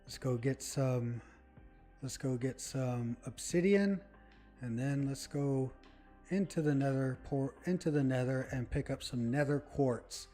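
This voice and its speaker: Mellow and mid-range, this gaming channel host's voice moves at a measured pace as he casually commentates his game. He rambles and chats with viewers throughout the let's-play, with faint background music behind him.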